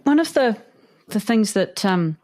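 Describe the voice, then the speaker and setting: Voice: medium pitch, big pitch swings, measured pace, darkish tone. A podcast co-host with a New Zealand accent, asking reflective questions and musing aloud with fillers and restarts. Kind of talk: casual conversational questions.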